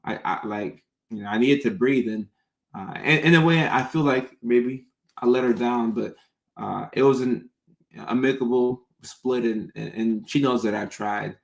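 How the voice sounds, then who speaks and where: A gravelly, medium-pitched voice at a slightly slow pace belongs to a content creator fielding comments during a live question session. Casual and spontaneous, he repeats phrases for emphasis and has trouble with R sounds, with the audio sounding roomy and echoing.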